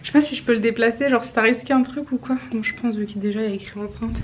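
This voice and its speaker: A woman's voice: on the high side, racing, slight background noise. A young woman vlogging in a nervous, casual way, often dropping to a whisper. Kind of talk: casual vlog.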